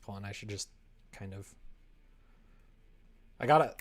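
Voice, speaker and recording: On a live creative-writing stream, a man chats casually, rambling and amused with himself as he thinks aloud. His voice is on the low side and a little slow.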